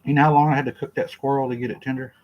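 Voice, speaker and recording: This clip has very dull audio of a livestream host from Oklahoma who talks very fast in a flat, medium-pitched voice. He's eating on a casual stream, cracking jokes, laughing, and reading his viewers' comments aloud.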